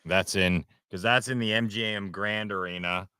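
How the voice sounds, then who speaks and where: A man hosting a casual sports talk show, relaxed and hesitant with plenty of fillers. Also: on the low side, normal speed, smooth, no echo, clean studio sound.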